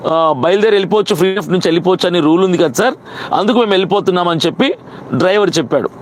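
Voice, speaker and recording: A man's voice: high-pitched, rapid-fire, slight background noise. A man, a pastor, giving an indignant, insistent first-person account with quoted dialogue.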